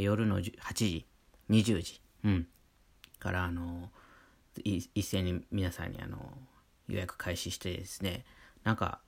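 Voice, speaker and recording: A man with a Kansai accent talking casually on his own show, rambling along with many fillers. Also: low voice. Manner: chatty, rambling, full of fillers. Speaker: artist hosting his own talk channel. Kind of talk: casual solo monologue.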